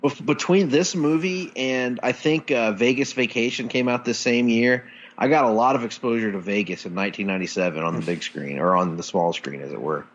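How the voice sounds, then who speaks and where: A man co-hosting a casual podcast about movies, animated and quick to laugh and quote films. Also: mid-range voice, muffled recording, slight background noise. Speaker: podcast co-host.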